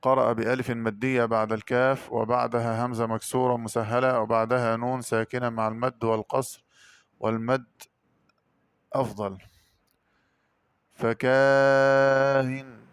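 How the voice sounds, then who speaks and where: A man giving a Quran recitation lesson, explaining variant readings quickly and then chanting the words slowly and drawn out. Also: medium pitch, little pitch movement, clean tone, no room sound, clean studio sound. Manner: brisk spoken explanations alternating with slow, drawn-out chanted words.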